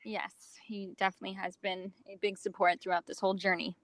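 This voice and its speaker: A woman's voice: mid-range voice, little pitch movement, fast talker, no room sound. An American-raised woman talking as a guest in a casual interview. She hesitates and restarts often, filling gaps with fillers. Her voice is recorded close and dry, with no room sound. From United States. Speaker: magazine founder, interview guest.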